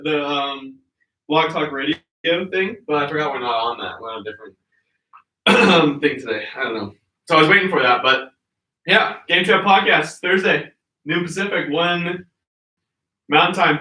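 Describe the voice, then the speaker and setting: A man's voice: on the high side, pushed and bright, roomy sound, recorded from a distance, rough recording. A man hosting a sports podcast in casual, rambling chat with lots of fillers. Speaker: podcast host.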